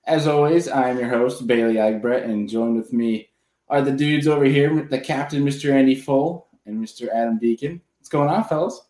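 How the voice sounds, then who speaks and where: A man hosts a live podcast, addressing listeners in an informal, buddy-like way. His voice is medium-pitched and mellow at a moderate pace, and the recording sounds roomy and echoing.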